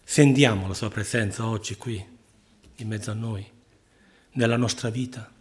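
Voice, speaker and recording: A man's voice: lowish voice, fairly even intonation, moderate pace. Emphatic man preaching a sermon. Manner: emphatic, repeated rhetorical questions, swings between loud and hushed.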